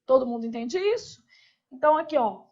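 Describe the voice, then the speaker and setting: A teacher with a Brazilian Portuguese accent runs a grammar lesson, repeatedly posing questions to her students and then answering them herself. Her high-pitched voice is expressive, a little fast, and darkish, and the recording sounds slightly dull and muffled.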